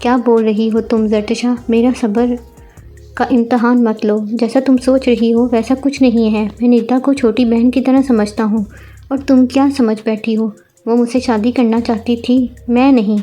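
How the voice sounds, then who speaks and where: A woman's voice: fairly high pitch, little pitch movement, moderate pace, warm tone, faint music behind, close to an everyday voice. Woman reading as a stubborn teasing young husband. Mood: irritated, teasing.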